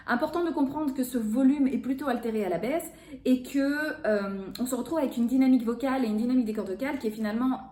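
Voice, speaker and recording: A woman in her forties, a voice therapist explaining a topic to viewers in an expressive, animated way. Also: on the high side. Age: 40s. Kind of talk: educational video talk. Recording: echoey room.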